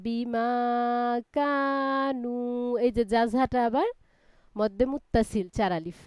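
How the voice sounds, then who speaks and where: A woman's voice: on the high side, moderate pace, mellow, no echo, clean studio sound. A woman teaching a live Quran reading class, spelling out letters one by one and patiently explaining the reading rules.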